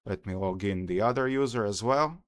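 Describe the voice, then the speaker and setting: A young man from Croatia with a Croatian accent, calmly and methodically walking through a security tutorial, pausing with "uh" as he explains. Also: on the low side, dry recording. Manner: careful, methodical explaining with frequent "uh" pauses. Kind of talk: screen-recorded hacking tutorial.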